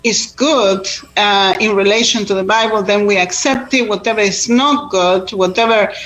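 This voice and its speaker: A woman's voice: mid-range voice, steady tone, moderate pace, fairly bright tone, low-quality recording. A woman, born in Israel and raised in Argentina, talks earnestly in an interview about faith, with many fillers and repetitions. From born in Israel, grew up in Argentina. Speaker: tour guide and Bible teacher.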